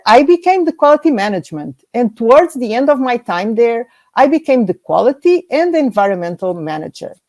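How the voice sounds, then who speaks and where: A woman from Portugal walks through her slides in a measured, orderly way. Her pitch moves a lot as she goes through each list. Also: a little mellow. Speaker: guest scientist presenting. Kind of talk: prepared slide presentation.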